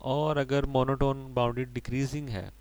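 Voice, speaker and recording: A man's voice: medium pitch, flat delivery, moderate pace, a little mellow, smooth, low-quality recording. A man lecturing on mathematics, explaining each step patiently and checking in with his students as he goes. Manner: explains step by step, mixing English terms and often adding "ठीक है जी". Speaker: maths lecturer. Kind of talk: recorded maths lecture.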